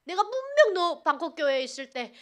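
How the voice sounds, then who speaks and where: A woman doing God as a solemn, stern father figure who speaks in dialect. the voice stays low and measured, scolding slowly, inside a dramatic church testimony. it swoops up high now and then. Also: very animated, fairly bright tone, exaggerated voice. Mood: stern rebuke.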